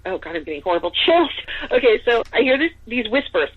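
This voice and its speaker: A woman's voice: fairly high pitch, sing-song, quick pace, breathy edge. A woman from Northern California telling a personal story as a podcast guest, in a casual chatty way full of fillers. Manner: chatty, full of "like" and "you know". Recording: tinny phone-like line.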